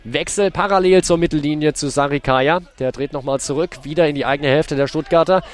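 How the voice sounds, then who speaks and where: High-voiced man calling football play-by-play. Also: brisk. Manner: detailed, descriptive calls in short clipped phrases. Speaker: sports commentator. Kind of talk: live play-by-play football commentary.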